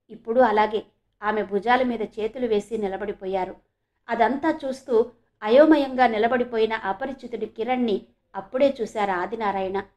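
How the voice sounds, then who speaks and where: A woman reading a story aloud as narrator, in an expressive, emotional way. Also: on the high side.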